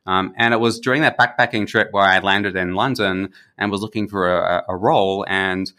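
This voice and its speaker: A man's voice: sits low, steady tone, a little fast, bright, forceful tone. A man in his forties with an Australian accent, talking as a podcast guest in a friendly conversational way, with frequent fillers and restarts. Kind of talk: conversational interview.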